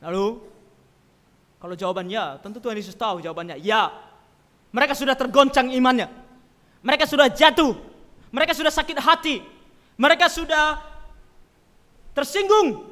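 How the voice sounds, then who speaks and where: Preacher, male: high, bright, forceful voice, emphatic, heard with long church reverb. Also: moderate pace, pauses often. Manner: emphatic, swings from loud stresses to quiet asides. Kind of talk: sermon.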